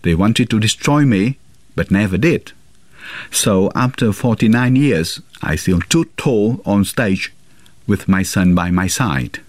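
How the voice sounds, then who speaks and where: A man acting as interpreter, speaking in measured, earnest tones as a translation voice-over for an interview. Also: on the low side, expressive, no room sound, clean studio sound. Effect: translation voice-over in the first person.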